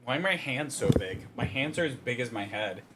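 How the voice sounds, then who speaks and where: A man's voice: medium pitch, expressive, a little fast, noisy background. A man streaming a visual novel, chatting casually and reading narration aloud in a playful, self-interrupting way. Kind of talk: casual livestream chat with read-aloud narration.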